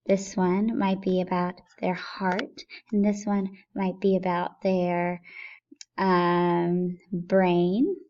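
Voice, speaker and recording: A woman's voice: on the low side, level tone, drawn-out words. A woman teacher explaining poetry step by step, patiently thinking aloud and asking herself questions as she goes. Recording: dull lo-fi recording.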